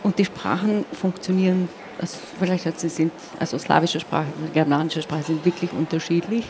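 This interview guest is a poet from southern Austria's Carinthia whose native tongue is Slovenian. Speaking thoughtfully over noticeable ambient noise, she uses a lowish voice with fairly even intonation, halting as she searches for words and repeatedly using the tag "ja" in a reflective, explanatory conversation.

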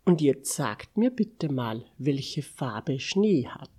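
A woman reading a bedtime story to children, expressive and dropping to a whisper for asides. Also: rumbling low, takes it slowly, slightly rough.

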